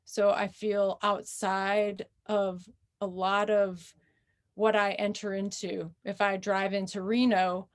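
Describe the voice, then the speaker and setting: An American woman author speaking in a conversational interview, thoughtful and unhurried, pausing often with fillers. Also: medium pitch, flat delivery. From United States. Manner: thoughtful, with frequent pauses and fillers.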